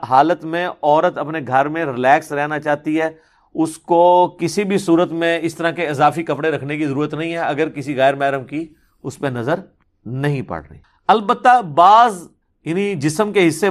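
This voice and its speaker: Lively, high-voiced Pakistani man lecturing. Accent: Pakistani Urdu. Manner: explanatory, animated emphasis, rhetorical asides. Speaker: religious scholar answering questions. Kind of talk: lecture answering audience questions.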